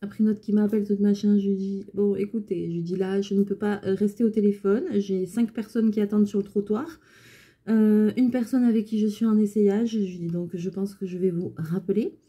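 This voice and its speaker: A woman's voice: mid-range voice, fairly even intonation, a little fast, mellow, husky. A woman who runs a clothing alterations shop, chatting casually and venting with exasperation about her customers.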